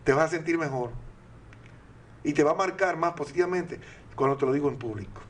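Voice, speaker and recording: A man's voice: a little high, brisk, slight background noise. An older man with a Dominican accent, giving earnest parenting advice on a talk show, often posing rhetorical questions. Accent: Dominican Spanish.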